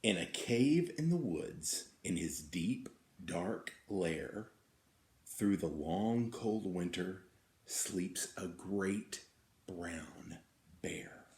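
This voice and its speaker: A man tells a children's story with a very lively pitch and an unhurried, drawn-out delivery. He is expressive and inviting, like a teacher reading aloud. The room adds noticeable echo. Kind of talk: animated picture-book storytelling. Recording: roomy, echoing indoor sound.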